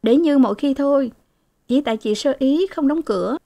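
A tearful, ashamed young wife pleads in a raised, high voice, as a woman reader voices her. The tone is dark and mellow, and the delivery stays anxious and quick to break. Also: gravelly. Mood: worried.

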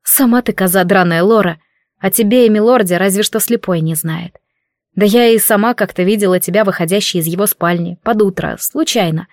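Tina, a woman doing a quiet dignified maid. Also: medium pitch, brisk, no room sound, clean studio sound, lightly acted. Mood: cool. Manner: quiet, restrained, soft-spoken. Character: calm dignified young maid and healer, quiet.

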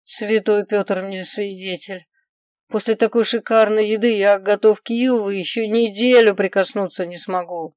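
A woman voicing a cheerful, well-fed woman who talks in slow, contented groans. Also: medium pitch, fairly even intonation, darkish tone, no room sound, lightly acted. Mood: satisfied. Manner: groaning, drawn-out contented talk.

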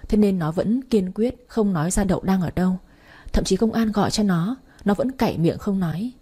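A woman reading a first-person story aloud, with a steady, emotional delivery and dramatic pauses. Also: mid-range voice, breathy edge.

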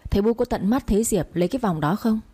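A woman voicing a sickly young man who speaks weakly and calmly. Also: medium pitch, slightly rough. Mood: weary. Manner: weak, tired, measured. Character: frail sickly young master, calm and reasonable.

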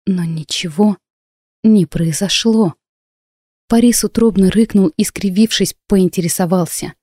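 A woman narrating a first-person fantasy audiobook in a steady, expressive storytelling manner. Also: mid-range voice, measured pace, husky, dry recording, clean studio sound.

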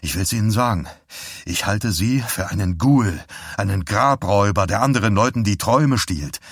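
A man voicing a grim young psychic who speaks quietly and with controlled contempt in an audiobook reading. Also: on the low side, expressive, normal speed, slightly rough, no echo, clean studio sound. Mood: cold contempt. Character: grim young male psychic, coldly calm.

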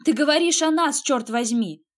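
A woman's voice: high voice, animated, brisk, voice pushed up. A woman voicing a hurt, furious young wife in an audiobook, speaking in raised, emphatic bursts. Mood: shouting.

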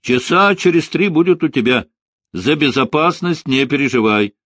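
A man reading the lines of a brisk, friendly male marshal on a phone call in an audiobook. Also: fairly high pitch, expressive, fairly bright tone, dry recording, voice pushed up. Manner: brisk and familiar.

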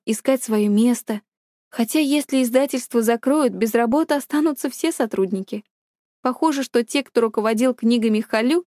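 A woman's voice: a little high, a little mellow, no room sound. Woman narrating an audiobook, dry and close. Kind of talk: scripted narration.

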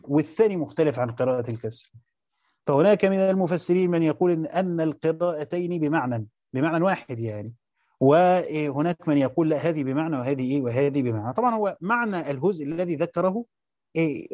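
A man's voice: a little high, warm tone, no room sound, muffled recording. A man with an Egyptian Arabic accent teaching Quran commentary, reading a passage aloud, then explaining it and quizzing his listeners. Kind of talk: classroom lecture reading and explaining a text.

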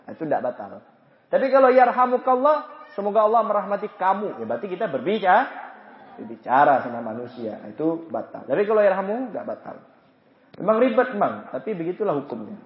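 A man leads a religious study class with a high, animated voice that jumps around in pitch. He jokes, acts out small scenes, and breaks into chanted prayer phrases to show how they go. The recording is roomy and slightly dull. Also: a little fast. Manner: lively, joking, acts out anecdotes. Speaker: religious teacher. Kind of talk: Islamic study lecture. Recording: echoey, dull lo-fi room recording.

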